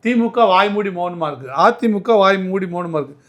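A man's voice: sits high, animated, moderate pace, a bit bright. A man answering as a political commentator in an interview, arguing emphatically and often restarting his words.

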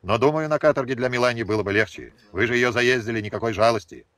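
A man's voice: mid-range voice, fast, a bit bright, no echo, natural voice. A man voicing a defiant young exiled peasant who speaks firmly and reproachfully. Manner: reproachful, firm. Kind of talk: audiobook character voice.

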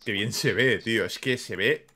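A man with a Spain Spanish accent giving casual, excitable reaction commentary over gameplay, dropping quick tag questions to his viewers. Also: fairly low pitch. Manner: excitable, peppers speech with quick tags. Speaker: gaming YouTuber.

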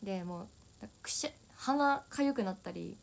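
A young woman chats casually on a solo livestream, giggling and answering viewer comments. Her voice sits at an everyday middle pitch. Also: expressive, moderate pace, vocal fry. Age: young adult. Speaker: idol livestreamer.

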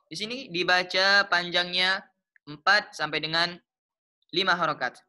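A man with a Malaysian accent teaching the rules of Quran recitation, explaining slowly and patiently, repeating each term and chanting the example verses. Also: high voice, fairly even intonation, sharp tone, clean tone. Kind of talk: explaining tajwid rules step by step.

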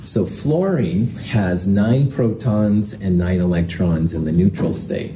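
A man's voice: low-pitched, slow, warm tone. A man lecturing as a professor in a lecture hall, explaining things in a casual, self-deprecating way. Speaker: chemistry professor. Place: indoor lecture hall with projector screen and chalkboard. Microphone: distant from the speaker. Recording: roomy lecture hall, distant mic, noisy.

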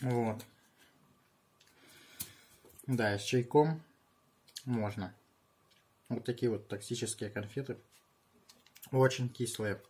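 A man in his thirties chatting casually on a home vlog in halting short bursts while he handles and tastes things, with a husky voice. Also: medium pitch, a little mellow. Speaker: video host tasting candy. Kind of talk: casual vlog chat with muttered reactions. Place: small room at home.

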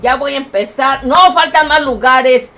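Woman, Mexican accent, high voice, doting grandmotherly tone, excitable live-stream chatter. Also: a little slow. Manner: doting, showers viewers with endearments like a grandmother; excitable, bursts of loud cries. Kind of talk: casual live-stream chat reading viewer messages.

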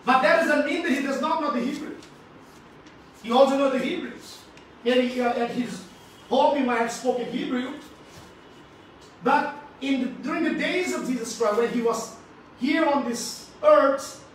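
A preacher with an Indian English accent gives a sermon in a high, fairly bright, emphatic voice, repeating phrases and urging the congregation to answer back. He is far from the mic in a large, very echoey hall, with faint noise in the background.

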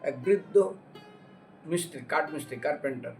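A preacher with a fairly high-pitched voice speaks at an ordinary speed, telling a devotional lecture as a story. He animates it with acted dialogue and questions directed at his listeners, captured by a far-off mic over background music.

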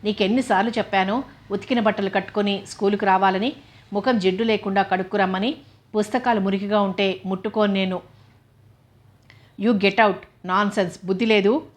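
A harsh village schoolmaster scolds his class with open contempt, as a woman reading the story puts him on. The voice stays level in pitch, with little rise and fall. It is a storybook reading. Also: fairly even intonation, quick pace, lightly acted. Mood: scornful scolding.

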